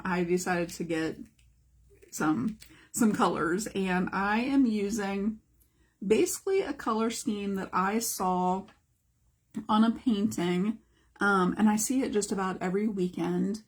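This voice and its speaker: A woman's voice: medium pitch, measured pace. A middle-aged woman art teacher giving a chatty live-streamed lesson and greeting viewers as she goes.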